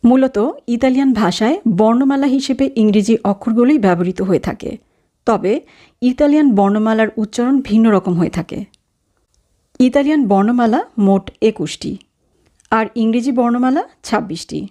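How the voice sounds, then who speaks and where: A woman teaching pronunciation, saying each letter slowly and carefully and explaining how to say it. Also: fairly high pitch, dark tone. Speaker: language teacher. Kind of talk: pronunciation lesson, repeating each letter twice.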